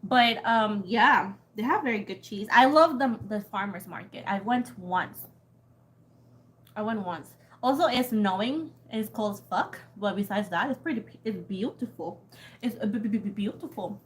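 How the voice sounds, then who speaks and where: In a mid-range voice at normal speed, a young woman from Puerto Rico rambles and laughs while chatting with viewers of her tarot livestream. She has a Puerto Rican accent and swears casually.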